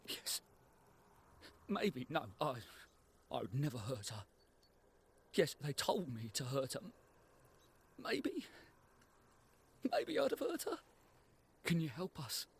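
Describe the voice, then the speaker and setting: An actor playing a nervous, guilt-ridden blacksmith in a video game, halting, stammering and correcting himself. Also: male voice, a little high, wildly swooping pitch, gravelly, exaggerated voice. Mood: desperate. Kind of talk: dramatic video game voice acting. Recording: faint ambient noise behind.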